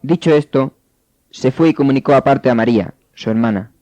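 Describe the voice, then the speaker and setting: A man narrating scripture in a steady, measured way. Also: mid-range voice, no room sound. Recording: dull, dry studio sound.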